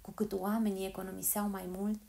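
Woman narrator, storybook reading, mellow dark tone, calm and measured. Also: medium pitch, gravelly. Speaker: audiobook narrator.

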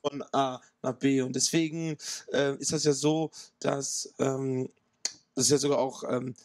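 A man's voice: medium pitch, flat delivery, a little slow, a little mellow, no echo. A man from Ghana being interviewed outdoors in woods on a handheld mic, talking hesitantly with many fillers.

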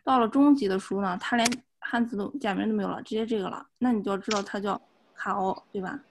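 Speaking fast with a medium-pitched voice, a female Japanese teacher instructs a beginners' online class, breaking everything down patiently step by step. A bit of background noise can be heard.

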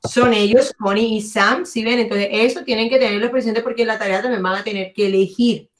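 A woman teacher leads an online class over a video call, praising her students often. She drags out English words slowly and exaggerates each sound so the class can copy them. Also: fairly high pitch, steady tone.

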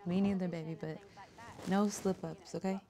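A woman's voice: on the low side, fairly even intonation, normal speed, crowd noise, lightly acted. An actress in a web series drama, playing a playful young woman scheming over her wedding on a dating show.

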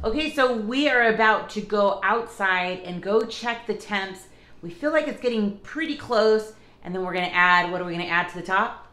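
A middle-aged woman narrates a home cooking vlog, talking through each step and asking questions along the way, filmed on a handheld phone in her home kitchen and backyard patio. Her mid-range voice is pushed and bright, with lively intonation at a normal speed.

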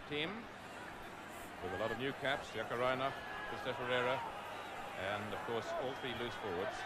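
A man giving play-by-play rugby commentary, measured between plays and rising to shouts at scoring chances. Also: mid-range voice. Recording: noisy broadcast audio.

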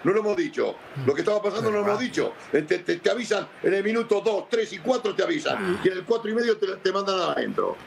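Gravelly guy analysing football live, talks quick, repeats himself insistently. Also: high voice, sing-song, slight background noise. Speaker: football pundit. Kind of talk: animated live match analysis.

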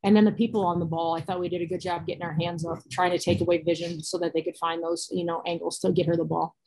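Over a video call on a laptop or phone, a thirtysomething American woman who coaches basketball answers postgame press conference questions plainly and colloquially. Her lowish, slightly mellow voice moves little in pitch and comes quickly. She sits in a small indoor cinder-block room, and the audio is poor.

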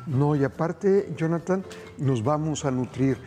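In a TV studio kitchen set, a middle-aged man hosts a cooking show, cheerfully and enthusiastically walking viewers through a recipe and addressing them directly. His voice is a little high and dark in tone, with a measured pace and soft background music.

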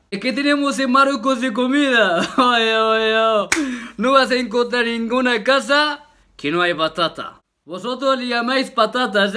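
Male vlogger, high bright voice, unhurried and jokey, laughs a lot. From Morocco. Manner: jokey, laughs often, tag questions. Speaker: YouTuber. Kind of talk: casual vlog talk to viewers.

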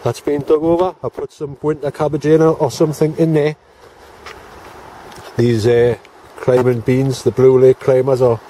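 Un hombre de mediana edad con acento británico habla con naturalidad mientras recorre su huerto al aire libre, grabándose con una cámara en mano. Su voz es apagada y suave. Se oye un leve ruido exterior de fondo. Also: male voice, mid-range voice, dark tone, slight background noise. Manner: chatty, plain-spoken, talks to viewers as he walks round. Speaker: allotment gardening vlogger. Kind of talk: casual walk-and-talk vlog. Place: outdoor allotment garden in light rain. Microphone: handheld camera, self-filmed.

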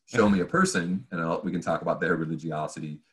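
A philosophy and religious studies professor appears as a podcast guest, his low voice moving fast. He talks conversationally, analytically and discursively, voicing imagined questions as he goes.

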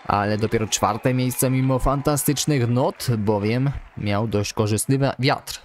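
A man calls a ski jumping video game like a live sports broadcaster, reeling off distances and point totals. His voice sits at an ordinary middle pitch, and he lifts it sharply when a jump goes well. A faint hiss of noise sits under the voice. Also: unhurried. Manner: excitable, rising loud on big jumps. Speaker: game commentator. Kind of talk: sports-style play-by-play commentary.

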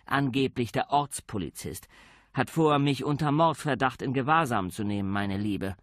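A man's voice: medium pitch, lively intonation, moderate pace, dry recording, natural voice. A man reading an audiobook, voicing a middle-aged police commander who speaks dryly and sternly. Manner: dry, stern, lecturing. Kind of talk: audiobook character voice.

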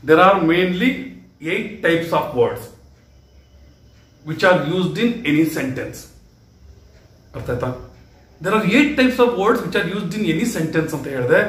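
A man with a Kannada accent teaching basic English grammar step by step. He slides between Kannada and English and keeps checking that his students understand. His fairly high voice comes from a distance in an echoey room. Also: a bit bright. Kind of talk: spoken classroom lesson.

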